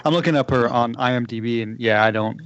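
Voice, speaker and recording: A man co-hosting a film podcast, chatty and quick to laugh. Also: medium pitch, a bit bright, slight background noise. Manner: chatty, laughs at his own jokes. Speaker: podcast co-host. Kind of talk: casual chat. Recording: dry, dull lo-fi podcast audio.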